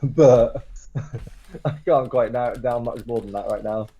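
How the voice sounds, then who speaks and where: A man with a dark, mellow voice, making dry, sarcastic remarks on a podcast. He sounds half distracted. His lo-fi mic sounds dull, with keyboard typing in the background. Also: medium pitch, a little slow. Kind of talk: casual chat.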